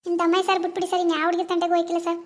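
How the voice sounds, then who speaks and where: A woman's voice: extremely high pitch, completely flat delivery, very fast. Woman doing a jeering rowdy. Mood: begging. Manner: jeering, laughing taunts. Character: mocking young village rowdy man, cocky then cowardly.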